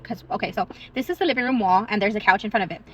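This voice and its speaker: A young woman in a parked car telling a true story in a chatty, animated way, eating on her lunch break. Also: mid-range voice, rapid-fire, low-quality recording. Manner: chatty and animated, eating while she talks. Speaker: social media storyteller.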